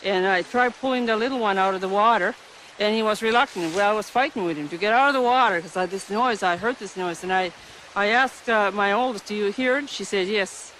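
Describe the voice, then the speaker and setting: A middle-aged woman, a mother, telling an interviewer about a frightening experience, hesitant with frequent pauses and restarts. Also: medium pitch, fairly bright tone, a little hiss or hum, low-quality recording. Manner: hesitant, many fillers and restarts. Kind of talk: emotional personal account.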